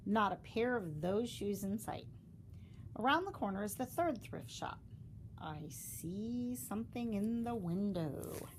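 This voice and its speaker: A woman reading a children's storybook aloud, expressively, with dramatic emphasis and deliberate pauses. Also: mid-range voice, animated, slight background noise. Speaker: storybook reader.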